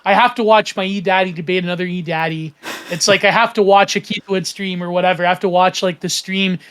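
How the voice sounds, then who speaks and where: A man's voice: high voice, fairly even intonation, fast talker, fairly bright tone, clean tone. A man from Canada, hosting a casual podcast chat, rambling with many fillers and restarts. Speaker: podcast host.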